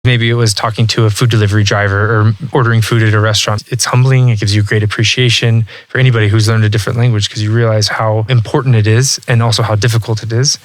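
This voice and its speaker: A Texan man in his thirties, appearing as a guest on a podcast, speaks in a fairly low voice at a fast clip with few pauses. He runs a language learning business and talks casually and thoughtfully, relaxed and reflective, often restarting sentences and saying "like" a lot. The audio is poor, with no room sound.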